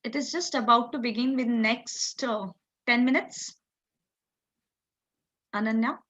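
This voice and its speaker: A woman's voice: fairly high pitch, unhurried, fairly bright tone. A woman with a North Indian accent teaching a live online class, encouraging students with short, repeated praise. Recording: slightly dull, lo-fi audio.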